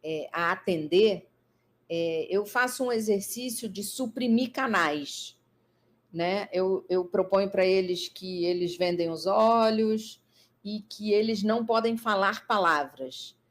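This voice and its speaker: A woman's voice: medium pitch, takes it slowly. A woman, a psychologist in a live interview, explaining her ideas thoughtfully with frequent fillers.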